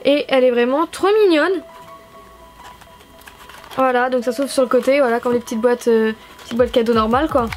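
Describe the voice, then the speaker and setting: Young French woman, high voice, gushing casual unboxing vlogger, faint background music. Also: darkish tone. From France. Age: young adult. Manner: gushing, enthusiastic, chatty with fillers. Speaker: YouTuber unboxing stationery.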